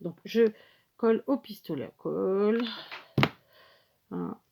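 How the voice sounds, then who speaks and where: Guiding viewers step by step through a handmade card, a woman hosts a casual, chatty craft tutorial, frequently correcting herself and checking in. She speaks slowly but very animatedly, her medium-pitched, mellow voice marked by vocal fry.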